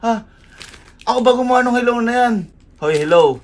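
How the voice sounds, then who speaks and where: A man's voice: extremely high pitch, lively intonation, normal speed. A young man chatting casually in a couple vlog, laughing a lot and teasing while playing innocent. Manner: laughing, teasing and playfully defensive. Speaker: vlogger.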